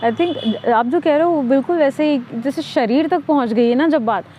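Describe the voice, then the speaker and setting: A woman from India, talking reflectively as a podcast co-host, pausing often on "uh" and mixing in English words. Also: high voice, slight background noise. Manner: reflective, many "अ" fillers, mixes English words. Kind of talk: conversational podcast talk. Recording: slightly dull lo-fi audio.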